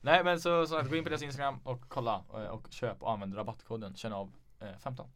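A man's voice: mid-range voice, fairly even intonation, a bit bright. A young man hosting a podcast in a casual chat, telling stories laid-back and swearing freely. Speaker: podcast host.

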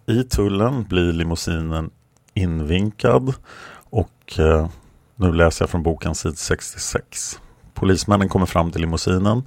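Brief: male narrator reading from a book, low creaky voice, unhurried, dry sound. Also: no echo. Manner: steady, plain, occasional hesitations. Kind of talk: reading aloud from a book with commentary.

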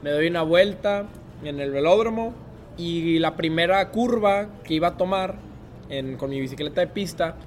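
Young mexican guy telling a story, kinda high voice, acts out the other people, low rumble in the back. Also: moderate pace. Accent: Mexican Spanish. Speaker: guest. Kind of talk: casual storytelling interview.

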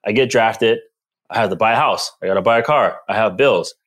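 Here a guest from Rhode Island, a man in his thirties who once played pro football, spins stories in a relaxed conversation. His lowish voice moves briskly, and he's an animated storyteller who breaks into laughter often.

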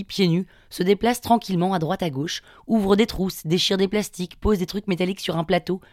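A woman's voice: fairly low pitch, no echo, clean studio sound. Wry woman telling a scripted comic tale. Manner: wry, self-mocking storytelling. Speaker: podcast storyteller.

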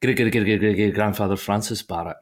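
A man's voice: fairly low pitch, fast. A Scottish man in his mid-thirties, co-hosting a football podcast in teasing, laid-back banter. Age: 30s. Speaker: podcast co-host. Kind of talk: casual podcast chat.

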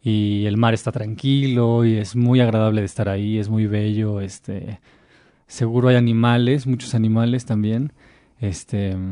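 A man's voice: on the low side, warm tone, dry recording, clean studio sound. A man, a theater director guest in a casual interview, tearful yet playful and laughing easily.

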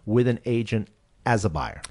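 A man's voice: lowish voice, expressive, moderate pace, mellow. A man co-hosting a radio show, giving casual, emphatic real estate advice in a conversational way.

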